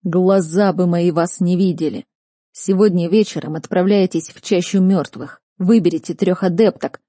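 A woman's voice: fairly low pitch, steady tone, moderate pace, mellow, no room sound, clean studio sound, natural voice. A woman reading an audiobook, voicing a stern, furious male academy rector who barks and scolds. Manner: barking, scolding.

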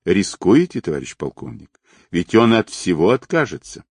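A man's voice: deep voice, big pitch swings, moderate pace, darkish tone, slightly rough, dry recording, clean studio sound, heavily acted. A man voicing an earnest young police captain reporting to his superior.

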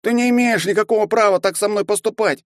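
A man's voice: high voice, fast talker, no room sound, studio quality, pitched above the performer's own voice, close to an everyday voice. A man reading an audiobook voices a young orc boy student who is brave and earnest. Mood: indignant. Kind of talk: audiobook character voice.

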